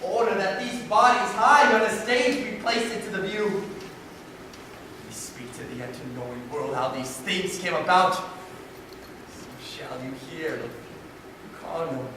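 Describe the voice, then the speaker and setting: Solemn grieving friend acted by a man, high and echoey. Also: unhurried. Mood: solemn, resolute. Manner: declamatory, emphatic. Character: grieving loyal friend of a dead prince, solemn. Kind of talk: theatrical Shakespearean stage acting. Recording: echoey hall, distant mic, faint noise.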